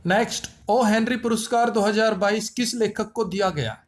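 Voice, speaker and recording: A man with a high voice runs through quiz answers, one after another. He ties each answer to a silly pun and repeats it so it sticks. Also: moderate pace. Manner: playful wordplay, repeats lines. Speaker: quiz teacher. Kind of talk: memory-trick quiz lesson.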